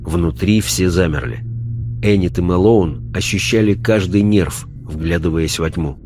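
A man narrating an audiobook in an even, measured way. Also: sits low, slight background noise.

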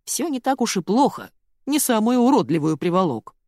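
A woman voicing a dry-witted male lawyer who jokes in a deadpan, teasing way in an audiobook. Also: medium pitch, moderate pace, no room sound, pitched above the performer's own voice. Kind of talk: audiobook character voice.

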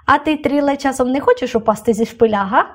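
A woman voicing a bold, reckless little girl in an audiobook, talking in a loud, daring and teasing way. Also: high-pitched, quick pace. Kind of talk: audiobook character voice.

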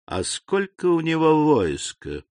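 A man voicing an indignant aging French king, imperious and frightened, in a commanding voice with sharp outbursts. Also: fairly high pitch, huge pitch swings, slow, no room sound, studio quality, pitched above the performer's own voice, exaggerated voice. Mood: cold, commanding.

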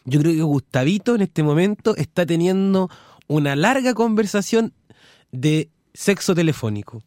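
A Chilean man co-hosts a late-night community radio show and reads out listener messages, often stumbling and restarting. His voice is notably high for a man. The studio sound is dry and close. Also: lively intonation, normal speed, a little mellow, no room sound. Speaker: radio co-host.

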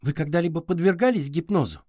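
A man's voice: on the high side, animated, fast talker, a little mellow, no echo, studio quality, pitched above the performer's own voice. A man voicing a determined young girl inventor who presses with eager questions.

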